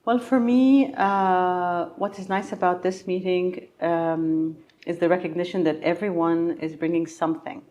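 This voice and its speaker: A middle-aged woman from Egypt, a patient advocate answering conference interview questions thoughtfully, pausing often with fillers. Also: on the low side, fairly even intonation, warm tone. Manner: thoughtful, many pauses and fillers.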